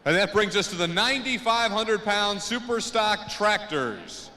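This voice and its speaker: Male tractor pull announcer, forceful and very animated, showy name introductions, long arena reverb. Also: high voice, a little hiss or hum. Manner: showy announcer delivery with drawn-out names.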